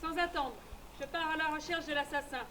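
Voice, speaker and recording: A woman narrating in the first person as a tough frontier woman, telling her story briskly and matter-of-factly. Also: sits high, steady tone, bright, forceful tone, a little hiss or hum.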